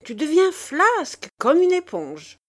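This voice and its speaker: A woman's voice: huge pitch swings, takes it slowly, heavily acted. A woman reading a story, putting on the voice of a shrewish, sarcastic bourgeois wife who scolds her husband. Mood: scornful. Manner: scolding, shrill, contemptuous.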